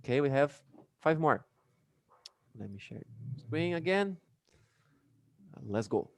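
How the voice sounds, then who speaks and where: A Brazilian man with a Brazilian Portuguese accent teaches an English class over a video call, chatting casually and using many fillers. His voice is a little high and very animated, and he takes it slowly.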